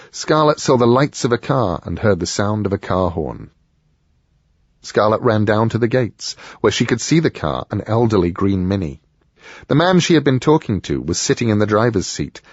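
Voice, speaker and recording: A man narrating an audiobook in an expressive storytelling style. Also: lowish voice, moderate pace, husky, no echo, dull audio. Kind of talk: scripted narration.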